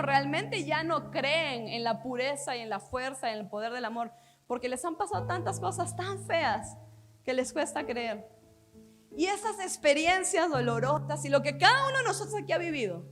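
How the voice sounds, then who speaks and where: A woman pastor preaching a sermon in an earnest way, often letting her phrases fall soft at the end. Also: sits high.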